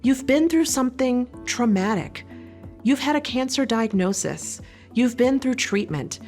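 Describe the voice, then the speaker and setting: Calm, reassuring woman speaking. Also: fairly high pitch, a little slow, faint music behind. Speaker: social worker. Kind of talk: scripted educational talk.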